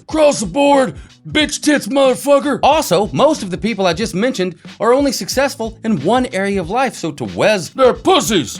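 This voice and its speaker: A man hosting a podcast, giving mocking commentary with sarcastic, exaggerated swings. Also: high-pitched. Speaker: podcast host.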